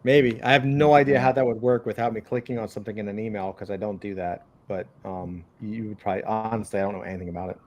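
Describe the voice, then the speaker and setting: A man's voice: fairly low pitch, fairly even intonation, quick pace, hardly any pauses, darkish tone, dull audio. A middle-aged man chatting casually on a video call in a loose, sweary way, often trailing off mid-thought.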